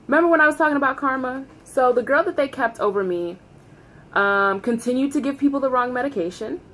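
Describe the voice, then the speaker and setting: A woman telling a casual, gossipy storytime into her phone, animated, with dramatic emphasis and acted-out dialogue. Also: medium pitch, slight background noise. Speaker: vlogger telling a personal story.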